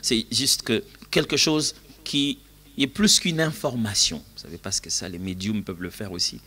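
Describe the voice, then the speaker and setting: A man preaching a sermon at a church retreat, telling a personal story and shifting between hushed and loud passages. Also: fairly low pitch, normal speed, husky.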